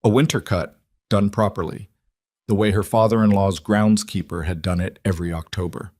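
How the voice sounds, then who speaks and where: A man giving measured, reflective scripted narration of a drama story. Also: fairly low pitch, steady tone, darkish tone, dry recording, studio quality.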